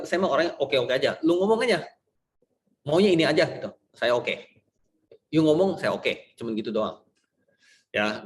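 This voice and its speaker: A male lecturer talks to his class in loose, slangy speech. He rambles and jokes, drifting between points. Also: medium pitch. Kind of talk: casual online class talk.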